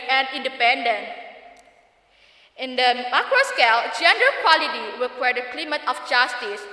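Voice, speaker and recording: A woman's voice: high-pitched, sharp tone. A woman with an Indonesian accent delivering a formal contest speech in a stiff, memorized, declaiming manner with emphatic set phrases. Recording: echoey hall with long reverb.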